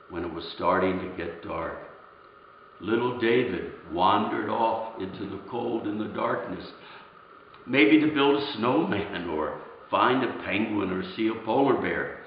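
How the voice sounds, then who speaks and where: A Santa performer plays a gentle, earnest Santa Claus, speaking in a fairly low, soft voice with halting repetitions as he gives a heartfelt storytelling address. Slight background noise accompanies an echoey room and dull lo-fi sound.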